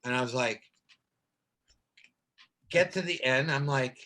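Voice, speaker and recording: An older man talks as a guest on a casual podcast, his voice bright and forceful. He rambles and stumbles through his stories, restarting sentences and circling back on himself. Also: medium pitch. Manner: rambling, halting storyteller with many restarts. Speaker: guest actor.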